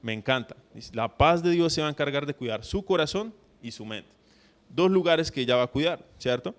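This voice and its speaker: A man's voice: on the high side, expressive, a little fast. A man preaching a sermon as a pastor, talking conversationally and constantly checking in with his listeners. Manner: acts out mock prayers in a put-on voice.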